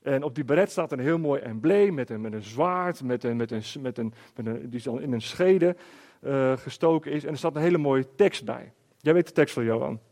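A middle-aged man telling a story to an audience in a lively way, often checking in with his listeners through short rhetorical questions. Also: mid-range voice, moderate pace. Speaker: speaker.

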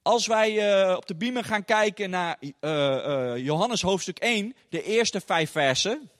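A man's voice: sits high, lively intonation, measured pace, fairly bright tone. A man with a Dutch accent preaching a sermon in a church hall, chatty and informal, often adding little tag questions. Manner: chatty, with frequent tag questions and filler sounds. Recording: long hall reverb.

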